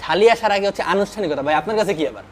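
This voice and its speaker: A young man hosting a food review vlog in a restaurant, talking excitedly and emphatically, often asking "okay?". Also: high-pitched, racing, a little hiss or hum. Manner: excited, emphatic, keeps asking "ঠিক আছে?". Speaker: food vlogger. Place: restaurant dining room.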